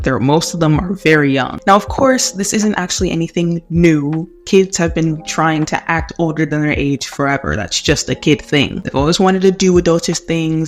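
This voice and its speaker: A man giving casual, conversational video commentary, recorded on a headphone microphone in a bathroom. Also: fairly high pitch. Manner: informal, conversational asides. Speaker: video host. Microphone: headphones used as a microphone.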